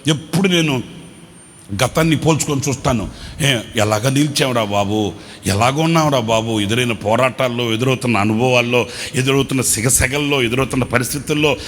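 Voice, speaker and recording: A man preaching a sermon as pastor, swinging between shouted refrains and hushed low asides and calling out questions to the congregation. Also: a little fast. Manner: questions the congregation and calls for responses. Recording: reverberant hall with faint background noise.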